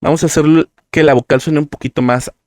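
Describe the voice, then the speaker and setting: A man with a voice on the high side and fairly even intonation speaks fast while teaching a live-streamed language lesson, explaining pronunciation patiently through examples, step by step. It's studio-quality audio with no room sound.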